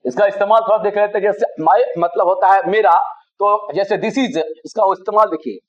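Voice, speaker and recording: A man teaching a spoken English class, explaining grammar slowly and spelling words out letter by letter. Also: sits high, steady tone. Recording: dull lo-fi sound.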